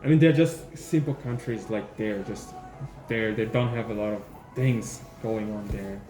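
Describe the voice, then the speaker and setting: A Rwandan man who works as a phone shop salesperson chats casually and in a friendly way, saying "yeah" often. His voice is on the low side at normal speed, recorded in an echoey room with faint music.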